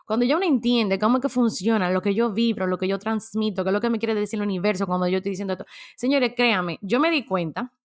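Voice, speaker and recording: A woman gives a casual motivational talk, her voice sitting a little on the high side. She chats straight to her listeners and laughs easily. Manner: chatty, addresses listeners directly, laughs easily. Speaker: self-help speaker.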